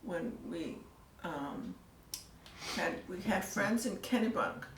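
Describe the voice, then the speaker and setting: An older woman telling her story in a casual interview, soft-spoken and trailing off into near-whispers. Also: fairly low pitch, lively intonation, takes it slowly, gravelly, slight background noise. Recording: echoey room, mic at a distance, faint ambience.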